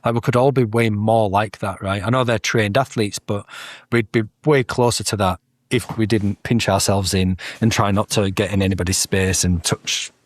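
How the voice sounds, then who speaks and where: A thoughtful male guest with a fairly low voice, recorded close in a dry room. He gathers his thoughts aloud with pauses and self-corrections. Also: fairly even intonation, no echo. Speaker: podcast guest. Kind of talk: casual spiritual conversation.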